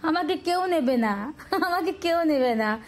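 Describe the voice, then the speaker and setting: High-voiced woman teasing her child. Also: animated, a little slow. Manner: teasing, sing-song coaxing. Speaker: vlogger, mother filming her son. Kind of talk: playful casual chat with a child.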